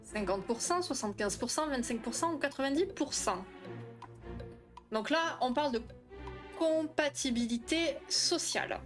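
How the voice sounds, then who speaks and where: A young woman hosting a casual live stream, chatty and quick to swear, often tripping over her words while she answers the chat. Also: high voice, animated, over music. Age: young adult. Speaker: livestream host on relationships.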